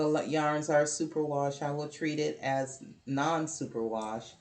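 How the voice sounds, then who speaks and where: Low-pitched, unhurried woman host, chatty and apologetic, echoey home room. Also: a little mellow. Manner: chatty, apologetic, rambling with ums and restarts. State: hiccups. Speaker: knitting podcast host. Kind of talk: casual show-and-tell chat.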